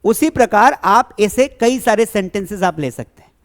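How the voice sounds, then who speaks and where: A man's voice: high-pitched, lively intonation, normal speed. A man teaching an English grammar lesson to a class. He keeps checking that the students follow, and he asks questions and then answers them himself. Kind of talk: classroom lesson explaining tenses.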